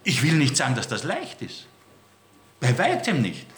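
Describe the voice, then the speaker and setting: A man preaching a sermon in a lively, dramatic way, acting out dialogue with God. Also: mid-range voice, normal speed. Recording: echoey room, faint ambience.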